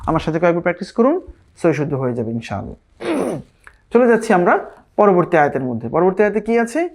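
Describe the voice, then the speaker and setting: A man's voice: sits high, very animated, darkish tone. Man patiently teaching Quran recitation. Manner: patient, repeats verses slowly and checks in with listeners; drawn-out Arabic recitation between plain explanations. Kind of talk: online recitation lesson.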